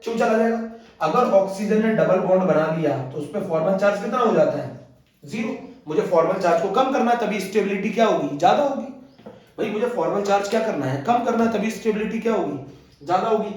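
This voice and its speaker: High-voiced male chemistry teacher, echoey. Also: expressive, brisk, darkish tone. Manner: repeats questions and has students answer. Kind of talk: classroom lecture. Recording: echoey room, mic far off.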